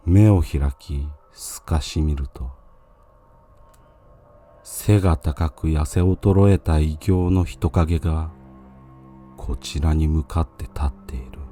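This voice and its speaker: A man narrating a scripted ghost story in a hushed, eerie, solemn manner. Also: rumbling low.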